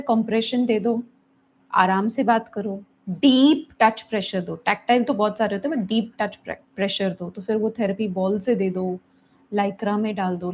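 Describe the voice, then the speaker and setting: A woman's voice: medium pitch, a little mellow. A middle-aged woman therapist who answers viewers' questions in a live teaching session, mixing English phrases into her Hindi. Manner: mixes English phrases into Hindi, acts out stressed parents in a raised voice.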